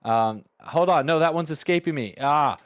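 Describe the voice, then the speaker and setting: A man's voice: on the high side, moderate pace, dry recording, clean studio sound. A man doing casual, joking esports commentary in a playful, rambling way.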